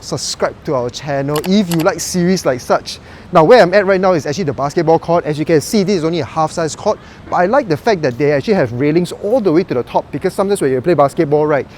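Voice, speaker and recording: On this property tour vlog, the young host's slightly high voice has a darkish tone as he strolls around a residential complex, inside and outdoors. He speaks casual, upbeat Malaysian English sprinkled with "lah," and a little hiss or hum runs underneath.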